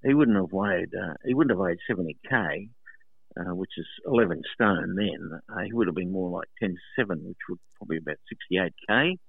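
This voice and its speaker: An older man from Sydney with an Australian accent, reminiscing casually as an interview guest, telling stories with pauses. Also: deep voice, creaky, husky, no room sound. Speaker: interview guest, lifelong rugby league fan. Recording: thin, phone-like narrow sound.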